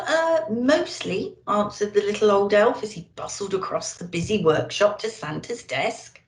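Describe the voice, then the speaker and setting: A woman with a mid-range voice and vocal fry reads expressively to children, storyteller-style, as a Christmas elf host. She's animated and speaks directly to the kids, and the recording has a roomy indoor echo.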